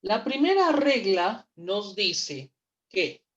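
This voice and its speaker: A woman teaching English in in an online class, patient and repeating each word slowly for pronunciation. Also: medium pitch, big pitch swings, a bit bright, highs cut off. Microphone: computer mic on a video call.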